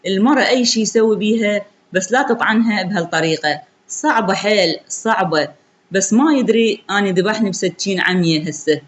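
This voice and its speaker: A woman's voice: medium pitch, fast talker, a little hiss or hum. A woman with an Iraqi accent telling a sorrowful story in the first person, in an intimate way.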